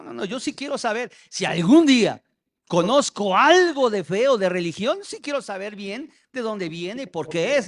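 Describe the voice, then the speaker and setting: A Mexican pastor preaches in a notably high voice, swinging between loud, pressing phrases and quiet, low asides. He tells stories and keeps calling his listeners "brother.". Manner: storytelling, repeatedly addressing listeners as brother. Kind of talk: sermon.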